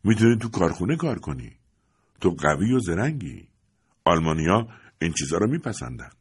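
Weary quiet father voiced by a man, husky, low, soothing, audiobook. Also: big pitch swings, full character voice. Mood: gentle.

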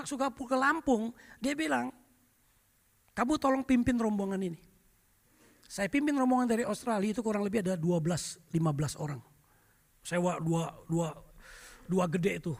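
Male pastor, middle-aged, sermon storytelling, high voice, long church-hall reverb. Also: gravelly. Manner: lively anecdotal storytelling, often addresses the congregation.

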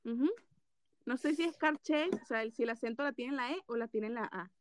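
A woman's voice: a little high, fairly quick, no room sound, studio quality. A young woman with a Venezuelan accent, chatting casually and insisting her answers count in a word game.

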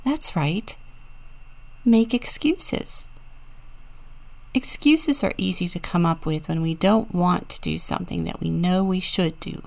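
A woman deacon giving a children's sermon and reading a storybook in a gentle, deliberate way. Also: fairly low pitch, gravelly.

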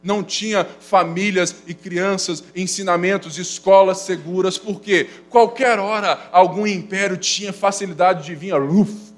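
A man preaching a sermon as pastor, swinging from loud urgent passages to low quiet asides and acting out quoted complaints. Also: steady tone, a little slow. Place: church.

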